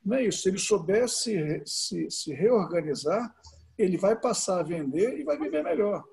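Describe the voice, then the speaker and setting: A tourism association president joins an online talk as a guest speaker on a video call, answering questions with many hesitations and restarts. He speaks at normal speed in a high-pitched, lively voice that is a little mellow and husky.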